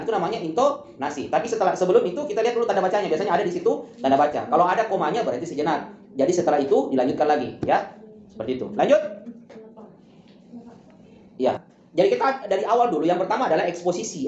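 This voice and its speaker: A tutor explaining a school lesson step by step with lots of examples, often repeating the same closing phrases. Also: medium pitch. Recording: roomy, dull lo-fi recording.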